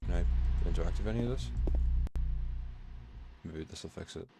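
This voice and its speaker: A man's voice: deep voice, normal speed, gravelly, very noisy. A man giving casual, sweary commentary on a video game he is playing, with a sardonic, exasperated way of talking. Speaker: gamer commentating own playthrough. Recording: game music behind the voice. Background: video game music and sound.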